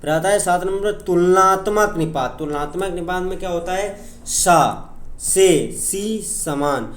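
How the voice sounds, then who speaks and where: Heard in a reverberant room, a man with a high-pitched, somewhat bright voice gives an unhurried exam-prep grammar lecture. He uses examples, goes over points repeatedly and frequently checks in with the students.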